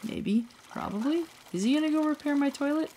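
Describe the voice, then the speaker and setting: Lively chatty woman gaming host. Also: sits high, brisk, a little hiss or hum. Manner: chatty, rambling, thinks out loud. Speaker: let's play host. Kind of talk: casual gameplay commentary. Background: loud game music.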